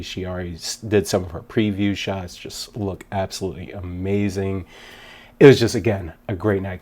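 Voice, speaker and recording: Man, very low voice, casual vlog, rambling, upbeat, slightly out of breath. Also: a little mellow. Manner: rambling, upbeat, many fillers. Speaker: wedding DJ vlogging a gig log. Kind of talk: casual vlog talk to camera.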